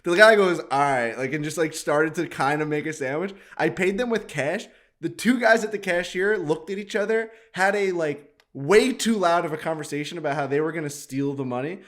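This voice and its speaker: A man's voice: a little high, brisk. A man co-hosting a golf podcast, telling rambling, profane stories in a casual chat. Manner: rambling, profane, animated anecdotes. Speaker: podcast co-host.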